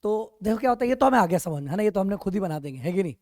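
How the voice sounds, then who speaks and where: Male coaching-class math teacher, animated, quizzing the room, dry close sound. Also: sits high, rapid-fire, no echo. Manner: animated, peppered with rhetorical questions. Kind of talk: classroom lecture. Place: classroom with online students.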